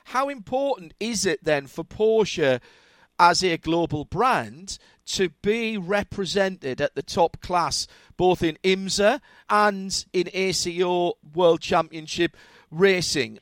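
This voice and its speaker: Male interview host, enthusiastic and chatty, higher voice, dry studio sound. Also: slow, no echo. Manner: enthusiastic, conversational questioning. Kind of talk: motorsport interview.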